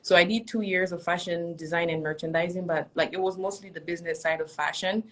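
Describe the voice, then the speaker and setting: A woman's voice: on the low side, steady tone, brisk, fairly bright tone. A young woman from Congo, a native French speaker, chatting about her work as a guest over a video call, laughing often and using lots of fillers. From Democratic Republic of Congo. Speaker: fashion designer guest. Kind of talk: casual interview over a live stream.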